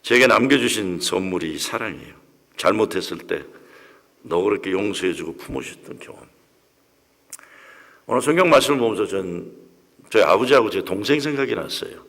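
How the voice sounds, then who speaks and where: Preaching in a church sanctuary whose hall gives a long reverb, a pastor in his sixties tells an emotional personal story, acting out the voices of people he quotes. His voice is lowish and fairly bright, animated and brisk, with frequent pauses.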